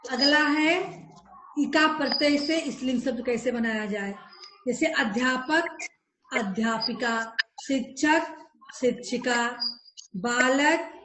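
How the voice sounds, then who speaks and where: A woman school teacher leading a grammar class, slowly listing word pairs for her students. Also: high voice, fairly bright tone, echoey room, slight background noise, poor audio. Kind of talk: online Hindi grammar class.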